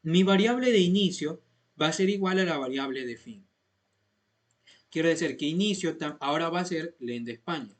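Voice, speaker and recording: Patient male coding teacher, slightly higher voice. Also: expressive, normal speed. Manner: patient, repeats points and checks understanding with questions. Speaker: programming instructor. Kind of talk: step-by-step coding lesson.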